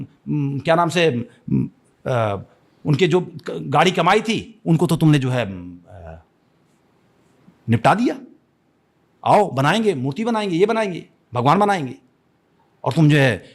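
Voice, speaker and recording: A man from Chhattisgarh giving a podcast interview, speaking in an impassioned, declamatory way, repeating phrases and restarting often. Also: a little high. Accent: Chhattisgarh Hindi. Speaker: interview guest.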